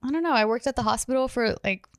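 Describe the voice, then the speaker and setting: A woman's voice: a little high, fast talker, no echo, clean studio sound. Thirties woman, rambling casual chat, easily amused. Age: 30s. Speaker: YouTuber, podcast co-host.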